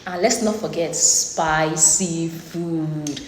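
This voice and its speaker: Chatty young nurse, low voice, echoey hall. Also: female voice, slow. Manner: chatty, teasing presenter. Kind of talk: casual health explainer. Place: lecture room. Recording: echoey lecture hall with faint noise.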